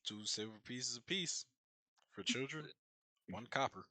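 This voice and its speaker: A man's voice: mid-range voice, expressive, measured pace, bright, forceful tone, no echo, low-quality recording. A man voicing a folksy, joking old dwarf boatman in a tabletop game. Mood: businesslike. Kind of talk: tabletop game role-play.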